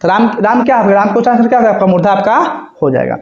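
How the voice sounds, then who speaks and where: High-voiced man teaching in a roomy echo. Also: animated, very fast, darkish tone. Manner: repetitive, asks and answers his own questions. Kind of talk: whiteboard grammar lesson. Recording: roomy, dull lo-fi sound.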